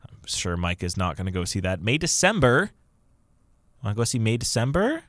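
In a dry, studio-quality recording, a man co-hosts a casual movie podcast, upbeat as he reads film news items off a list. His voice is on the low side and fairly bright, with big pitch swings and a moderate pace.

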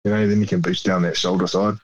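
A man's voice: low-pitched, level tone, fast, lo-fi sound. A man in casual conversation. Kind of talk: casual chat.

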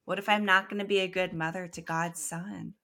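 A woman's voice: lowish voice, fairly even intonation, brisk, gravelly, pushed and bright. A woman voicing a tired, ditzy young Mary who complains and frets. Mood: anxious. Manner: complaining, huffy.

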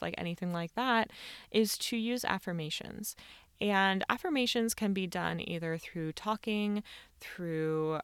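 A young woman speaks from inside a small closet, her voice smooth and on the lower side for a woman. The sound is dry and close, with no room echo. She gives earnest advice in a chatty, casual way, full of filler words. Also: fairly bright tone. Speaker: self-help video host. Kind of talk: casual advice talk to camera.

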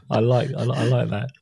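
Easygoing middle-aged podcast host. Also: male voice, medium pitch, vocal fry, warm tone, slightly rough. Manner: chatty, easygoing, with stumbles and restarts. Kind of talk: casual chat.

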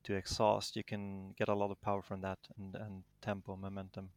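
A man's voice: low-pitched, completely flat delivery, brisk, darkish tone, dry recording. A man with a Danish accent answering interview questions casually, in a modest, hesitant manner. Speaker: interviewed tournament champion.

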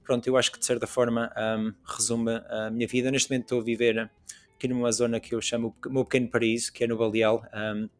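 Flat-voiced Portuguese man, hesitant. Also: mid-range voice, fast, faint music behind. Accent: European Portuguese. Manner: hesitant, many fillers and restarts. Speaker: podcast guest. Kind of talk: casual conversation.

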